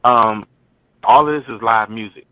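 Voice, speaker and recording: Man from Cleveland, relaxed musician guest, bright voice, dry studio sound. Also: mid-range voice, moderate pace, no echo, rough recording. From Cleveland, Ohio. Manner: relaxed, easygoing, laughs often. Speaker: guest singer. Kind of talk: casual radio interview chat.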